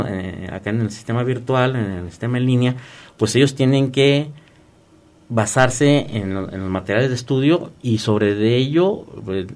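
A man who teaches online courses explains things as a guest in a radio booth, in a lowish, darkish voice. During this explanatory interview talk he often restarts words and fills pauses with "este".

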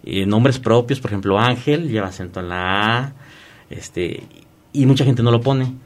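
A man speaks as a guest teacher in a radio booth. His voice sits at an ordinary middle pitch. He explains patiently, stumbling over repeated words and leaning on "este" between thoughts. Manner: repeats and restarts words, fills pauses with "este". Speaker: online course teacher, guest. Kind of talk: explanatory interview talk.

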